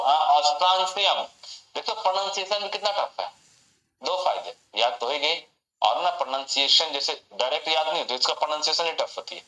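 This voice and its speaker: A man's voice: a little high, sharp tone, echoey room, rough recording. A man teaching an online class, running call-and-response memory tricks and repeating each cue. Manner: repetitive, call-and-response mnemonics. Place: home room.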